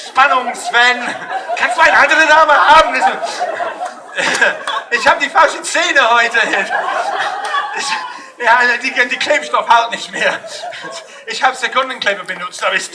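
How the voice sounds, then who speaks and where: At a street festival in an outdoor town square, a male street performer jokes loudly with the crowd in broken German mixed with English, often shouting as part of his live banter. His voice is very high-pitched and his pace measured. No mic was used, and the camera filmed him from a distance, so the audio carries crowd noise.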